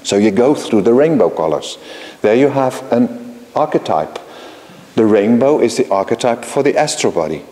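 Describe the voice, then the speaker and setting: A man gives a live conference lecture in a hall with a long reverb tail. His voice sits at an ordinary male pitch. He talks haltingly, restarts phrases and checks in with his audience. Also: lively intonation, mellow. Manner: halting, with frequent restarts and repeated words; explains patiently, checks in with the audience. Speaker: keynote lecturer.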